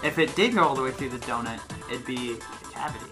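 A man's voice: mid-range voice, animated, quick pace. A young man co-hosting a video, arguing his points in a casual, playful debate. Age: young adult. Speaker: video co-host. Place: small living room, indoors on a sofa. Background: music.

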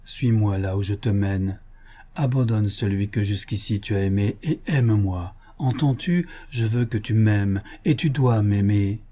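A man voicing a sinister commanding hypnotist. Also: dark tone. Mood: imperious. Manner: low imperious commands, slow and deliberate.

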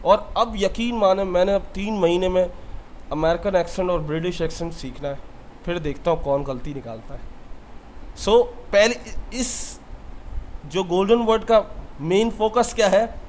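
A man's voice: high-pitched, unhurried, darkish tone, a little hiss or hum. A man who teaches English and talks earnestly about his own mistakes in a motivational lesson.

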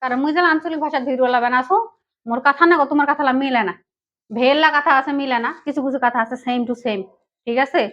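A woman with a high, light voice and a Panchagarh regional Bengali accent chats casually to her viewers in a vlog. Her manner is friendly and direct. The recording sounds a little dull and lo-fi. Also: fast talker, a bit bright. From Panchagarh, Bangladesh. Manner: chatty, addresses viewers directly. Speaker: vlogger.

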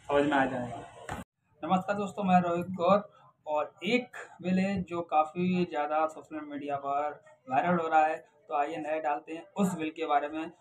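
Young male vlogger, chatty and animated, talking straight to a close phone camera, slightly high-pitched, faint room hiss. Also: rough recording. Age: 20s. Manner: chatty, animated, loud opening hook. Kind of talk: casual news vlog to camera. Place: small indoor room. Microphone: camera or phone in front of face.

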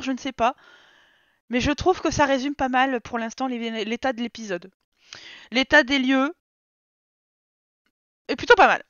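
Woman streamer, bright teasing chatter, slightly dull stream mic. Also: high voice, no echo. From France. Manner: chatty and teasing, reads chat aloud. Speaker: streamer playing a life sim. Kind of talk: casual live-stream commentary.

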